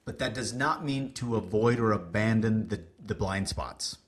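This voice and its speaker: A man telling stories as a guest on a business podcast, lively, acting out what people said, with some casual swearing. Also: lowish voice, normal speed. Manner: animated, acts out quoted dialogue, casual swearing. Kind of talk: casual interview storytelling.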